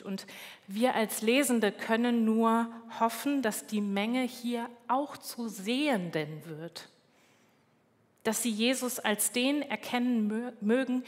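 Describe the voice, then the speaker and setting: A woman preaches a sermon at an unhurried pace, calm and measured, stopping now and then to correct herself. Her voice rings out with the long reverb of a large church hall. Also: on the high side. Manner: calm, measured, with small slips and self-corrections.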